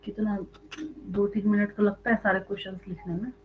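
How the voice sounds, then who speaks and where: A woman's voice: medium pitch, little pitch movement, brisk, slight background noise. Biology teacher quizzing her class, tinny line. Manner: explains step by step and quizzes students with repeated questions; mixes English terms into her speech. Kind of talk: online class lecture. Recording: tinny phone-like online audio.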